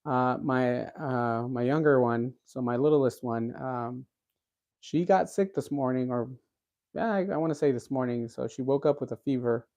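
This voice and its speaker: A man in his thirties, still getting over a cold, hosts a cooking livestream, chatting casually with viewers and reading their comments aloud as he rambles with lots of fillers and restarts. His mid-range voice is a little mellow and moves at a moderate pace.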